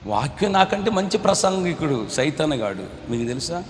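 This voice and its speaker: A man preaching a sermon as pastor, urging the congregation to respond and rising into shouted exhortation. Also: on the high side, very animated, moderate pace, slight background noise. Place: large church hall. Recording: echoey hall from far off.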